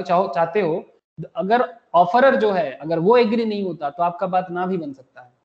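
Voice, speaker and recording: Male teacher, lecturing and quizzing students, echoey classroom. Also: high voice. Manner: mixes Hindi and English, keeps asking students questions. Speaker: commerce teacher. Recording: echoey room, muffled lo-fi sound.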